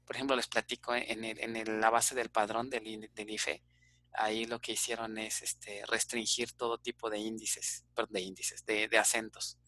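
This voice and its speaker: A man's voice: on the low side, flat delivery, normal speed, sharp tone, no echo. A man with a Mexican Spanish accent teaching an online database class, explaining step by step and checking in with frequent "ok?" fillers.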